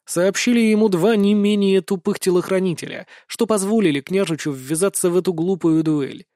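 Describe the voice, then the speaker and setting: A man's voice: sits high, mellow, no room sound, clean studio sound. A man reading a novel aloud as audiobook narrator. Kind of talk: scripted narration.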